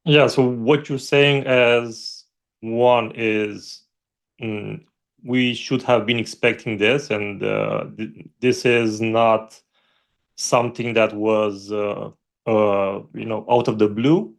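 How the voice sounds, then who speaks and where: A man co-hosting a casual market discussion, speaking haltingly with many fillers and summing up the other speaker's points. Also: lowish voice, fairly even intonation, vocal fry. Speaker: co-host.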